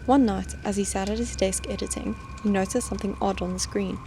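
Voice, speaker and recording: Female horror narrator, scripted storytelling, suspenseful, measured, mid-pitched, little pitch movement. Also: steady tone, vocal fry, noisy background. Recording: music bed behind the voice.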